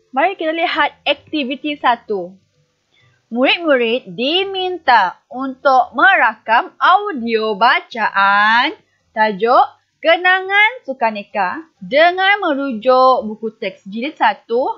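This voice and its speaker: A woman's voice: high voice, big pitch swings, slow, lo-fi sound. A woman primary school teacher giving a recorded online lesson, patiently asking the pupils questions and answering them herself.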